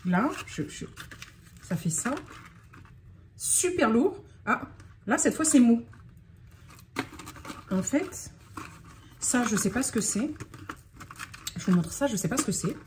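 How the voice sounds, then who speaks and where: A woman's voice: a little high, animated, slow pace, long pauses, a little mellow, slight background noise. A woman from France in a casual unboxing vlog, talking in a scattered, self-interrupting way and getting worked up. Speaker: vlogger.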